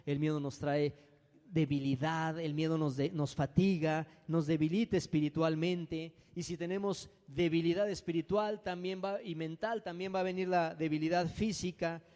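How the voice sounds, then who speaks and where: A man's voice: a little high, darkish tone. A man preaching a sermon as pastor, dramatic and acting out frightened voices. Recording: long hall reverb.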